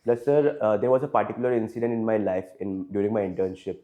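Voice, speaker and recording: A man's voice: on the low side, fairly even intonation, fast, lo-fi sound. Hesitant Indian English-speaking young man. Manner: hesitant, frequent fillers, deferential, adds "sir" often. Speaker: interview candidate. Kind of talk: formal mock interview answers.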